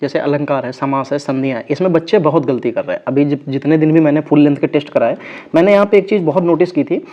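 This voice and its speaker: A man's voice: on the high side, fast, dull audio. A man teaching an exam-prep class in a conversational way. He asks questions and answers them himself, reading example sentences aloud. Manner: reads example sentences aloud and corrects typos as he goes. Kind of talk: online exam-coaching class.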